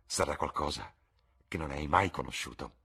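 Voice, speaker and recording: A man voicing an earnest, impulsive young man in an audiobook reading, with a husky voice and an eager, emphatic delivery. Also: extremely low pitch, moderate pace, bright, forceful tone, full character voice.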